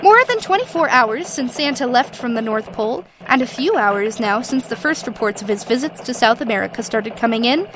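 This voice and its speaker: A woman's voice: high-pitched, noisy background. A woman playing an earnest Christmas elf news reporter, delivering a scripted radio report.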